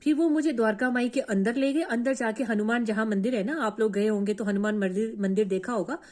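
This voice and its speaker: A woman's voice: on the high side, fairly quick, darkish tone. Earnest woman with a raised voice, telling her story. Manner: earnest, repetitive, emotional storytelling. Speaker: devotee sharing a personal experience. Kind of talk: emotional first-person testimony.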